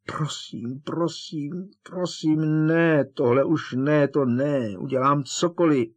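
Male reader playing a desperate teen boy wizard for an audiobook: raised, husky, urgent pleading. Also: medium pitch, big pitch swings. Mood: coaxing. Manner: urgent, begging, raised and strained. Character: desperate teenage boy wizard, frantic and coaxing.

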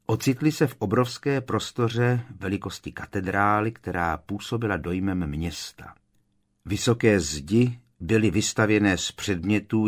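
A man narrating an audiobook in a measured storytelling manner. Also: lowish voice. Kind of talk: scripted narration.

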